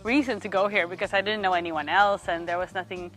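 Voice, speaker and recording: A woman's voice: medium pitch, fairly even intonation, fairly bright tone. Thoughtful young woman, faint music behind. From Sweden. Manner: thoughtful, pauses often to search for words. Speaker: youth worker. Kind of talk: reflective interview answers.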